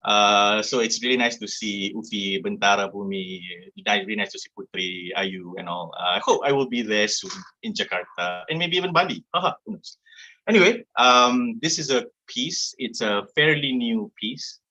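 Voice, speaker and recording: A man from Malaysia, reading his poetry at an open mic in a slow, measured way. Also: on the low side, animated, bright, forceful tone, rough recording. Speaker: guest poet.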